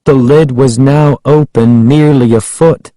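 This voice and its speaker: Guy reading a creepy kids story out loud, slow and tense, mid voice, dry room. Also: mid-range voice, fairly even intonation, no room sound. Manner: slow, suspenseful, dramatic first-person reading. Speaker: audiobook reader. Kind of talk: scripted narration of a children's horror book.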